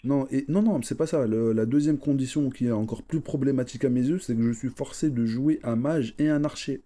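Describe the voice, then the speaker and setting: A man with a mellow, relaxed tone at a middle pitch. He talks like a gamer among friends, in informal slang, often repeating his phrases as he plays. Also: fairly quick. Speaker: gaming video host, player. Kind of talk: casual chat while playing a strategy game.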